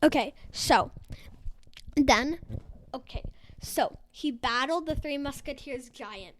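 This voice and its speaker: A young woman with a high voice spins a goofy improvised story at an unhurried pace, full of fillers and fresh starts. A faint hiss sits under her voice. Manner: rambling, hesitant, with fillers and restarts. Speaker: podcast host.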